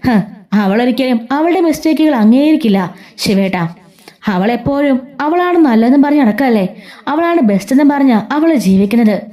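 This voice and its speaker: A woman's voice: sits high, lively intonation, moderate pace, mellow. A woman voicing a bitter, scheming middle-aged woman who makes angry, indignant accusations.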